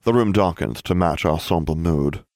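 A man reading a story aloud as narrator, with a wry, expressive delivery. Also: deep voice, measured pace, no echo, studio quality. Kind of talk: audiobook reading of fan fiction.

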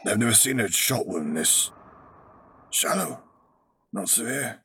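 A man doing a rasping, wounded young man. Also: on the low side, brisk, slight background noise, close to an everyday voice. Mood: strained. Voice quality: rasping, broken voice.

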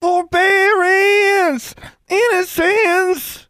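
A man's voice: extremely high pitch, steady tone, brisk, no echo, clean studio sound, voice pushed up. A man voicing a frightened, tearful small boy in a storybook reading.

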